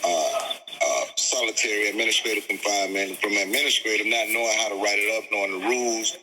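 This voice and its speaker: A man, an interview guest who speaks in a measured, halting way and searches for words. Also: lowish voice, pushed and bright, in a large hall, soft background music, rough recording. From Miami, Florida. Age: 40s. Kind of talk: conversational interview.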